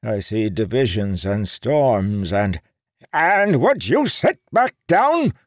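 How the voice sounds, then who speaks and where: A man's voice: mid-range voice, slow pace, darkish tone, no echo, studio quality, pitched above the performer's own voice, close to an everyday voice. A man voicing an irritable, pompous old male seer with a strained, raised voice in an audiobook. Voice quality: crotchety, huffy.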